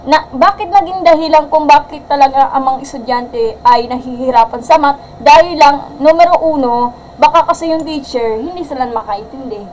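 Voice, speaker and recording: A woman math teacher giving a live-streamed algebra lesson in a loud voice that sounds angry, mixing English terms in and checking with "gets?". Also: high-pitched, normal speed, a little hiss or hum, low-quality recording. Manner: mixes English terms into Filipino, asks "gets?".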